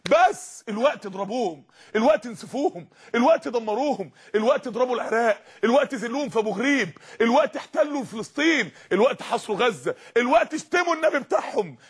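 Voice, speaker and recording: Fast, high-pitched Egyptian preacher man. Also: expressive, husky. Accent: Egyptian Arabic. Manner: impassioned, rhetorical, repetitive exhortation. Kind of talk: sermon.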